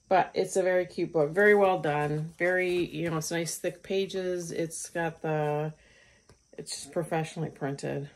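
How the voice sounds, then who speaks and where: A woman's voice: sits low, fairly even intonation, slow, long pauses. A middle-aged woman hosting a stitching vlog, chatting casually about her craft purchases with frequent ums and restarts. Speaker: craft channel host.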